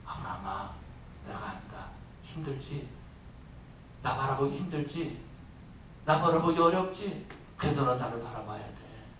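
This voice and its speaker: A preacher speaking as God, with a low, soft and tender fatherly voice. The quiet words carry from a distant mic through an echoey hall with a faint rumble. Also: lively intonation, unhurried, long pauses. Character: God, gentle fatherly male voice.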